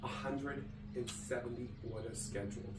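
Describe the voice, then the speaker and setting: In a casual comedy podcast taped in a garage, a co-host with a mid-range voice and fairly even intonation talks at a normal speed, playfully rambling. The space is echoey, he's far from the microphone, and a faint noise runs underneath.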